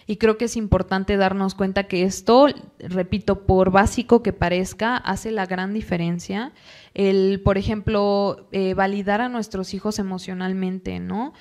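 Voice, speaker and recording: A woman, a psychologist guest in a podcast interview, explaining calmly and acting out short quoted asides. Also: mid-range voice. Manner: calm, explanatory, acts out parents and children in quick quoted asides.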